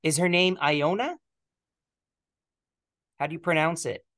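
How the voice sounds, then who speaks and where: A man's voice: a little high, steady tone, quick pace, bright, forceful tone. A man hosting a podcast, asking friendly, chatty questions in a casual interview. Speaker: podcast host.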